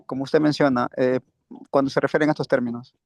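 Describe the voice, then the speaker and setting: A man's voice: mid-range voice, little pitch movement, fast talker, vocal fry, dry recording. Man, student, hesitant, thinking aloud, dry close sound, video call. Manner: tentative, thinking aloud while summarizing.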